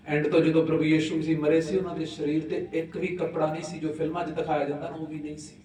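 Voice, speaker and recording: Man preaching in an echoey church. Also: on the high side. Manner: calls out for the congregation to respond aloud, switching between hushed and loud. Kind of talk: sermon. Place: church hall. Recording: echoey church hall, mic set far off, with the congregation heard.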